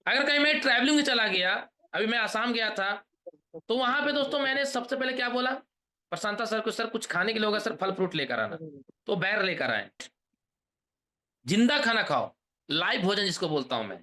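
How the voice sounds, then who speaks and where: A man in his thirties giving an energetic sales pep talk on a video call, rousing the audience with questions and chants. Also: high-pitched, fairly quick. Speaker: motivational trainer.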